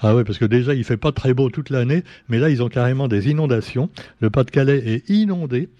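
A man's voice: mid-range voice, brisk, dark tone, no room sound. A man hosting a casual press review, chatty and sarcastic, with many fillers and asides. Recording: dull lo-fi sound.

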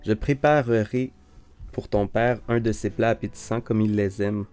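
A man's voice: lowish voice, steady tone, moderate pace, a little mellow, smooth, faint music behind, close to an everyday voice. Man reading as Rebecca, a firm scheming mother. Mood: insistent.

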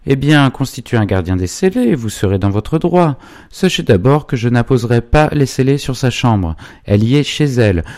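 A man playing an upright older magistrate, speaking with forceful, declamatory authority. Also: sits low, flat delivery, moderate pace, no room sound, studio quality, lightly acted. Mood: indignant.

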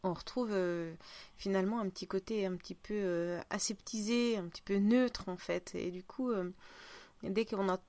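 A woman's voice: mid-range voice, fairly even intonation, moderate pace, a little mellow, dry recording. Chatty woman with a southern French accent. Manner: chatty, laughing, teasing. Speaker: podcast co-host. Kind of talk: casual chat.

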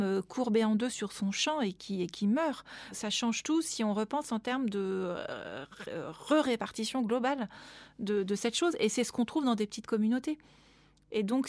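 A woman researcher explains her ideas clearly and articulately. The recording is dry and close, with no room sound. Her voice sits at a medium pitch. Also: darkish tone, no room sound. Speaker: researcher and activist. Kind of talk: recorded interview.

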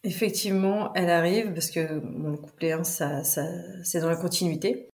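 A woman's voice: fairly low pitch, moderate pace, darkish tone. A woman in casual chat, playfully going through song lyrics with asides.

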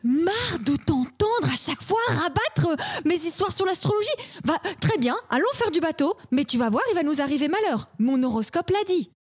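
A woman's voice: very high-pitched, lively intonation, normal speed, hardly any pauses. Woman improvising a fretful superstitious woman. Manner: fretful, full of foreboding. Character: anxious superstitious woman who trusts her horoscope. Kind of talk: improvised comedy scene.

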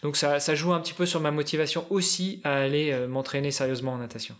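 A man with a fairly high-pitched voice speaks as a podcast guest. He talks casually and explains things step by step, working out his wording as he goes. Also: steady tone, fast. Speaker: guest, endurance athlete preparing a challenge. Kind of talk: casual podcast interview talk.

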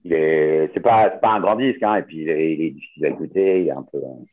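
A man's voice: very deep voice, fast talker. A man co-hosting a podcast, chatting casually about music, hesitant with many restarts. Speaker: podcast co-host. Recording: phone-like narrow sound.

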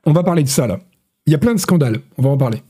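A man, hoarse from being ill, hosting gaming news in a rambling, joking chat full of fillers and restarts. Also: a little high, lively intonation, rapid-fire, warm tone. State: hoarse from illness. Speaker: host of a gaming news show. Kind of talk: casual live-stream news chat.

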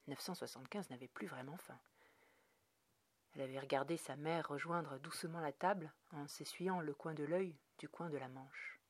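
A woman narrating a dark story in a measured read, often dropping to near whispers. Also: sits low, dry recording. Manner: measured, dropping to hushed tones. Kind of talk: scripted narration.

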